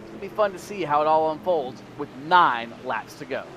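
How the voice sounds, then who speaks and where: A man calling a sim race as play-by-play commentator, building to excited calls when the action heats up. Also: on the high side, moderate pace, slight background noise.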